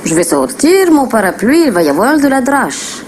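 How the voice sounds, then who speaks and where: A woman's voice: fairly high pitch, big pitch swings, moderate pace, a little mellow, slight background noise. A woman carefully repeating phrases in imitation, as a learner in a drill. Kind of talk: repetition drill.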